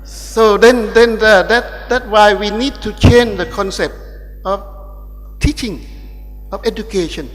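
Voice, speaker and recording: A man from Thailand with a Thai accent, giving a keynote lecture at a university ceremony in a halting way, with many restarts. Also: high-pitched, long reverb tail. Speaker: guest lecturer. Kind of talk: academic keynote speech. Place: large ceremonial hall.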